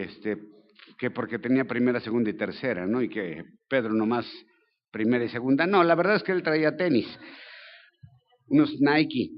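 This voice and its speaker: An older man with a Mexican accent preaching a sermon as pastor, colloquial and joking, telling the story with lively slang. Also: medium pitch, dull audio. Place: church.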